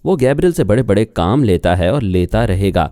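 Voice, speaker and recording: A man voicing a calm male telepath who reasons patiently on the phone, in an audiobook reading. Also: fairly low pitch, no echo, clean studio sound, soft background music, close to an everyday voice. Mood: persuasive.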